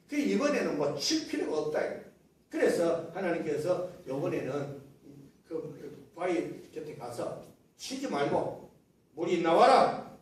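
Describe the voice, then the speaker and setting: A man preaching a Sunday sermon as pastor, telling scripture stories in a lively way and asking the congregation questions he then answers himself. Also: high voice. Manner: lively storytelling retelling of scripture. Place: church sanctuary. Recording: very echoey church hall, mic at a distance.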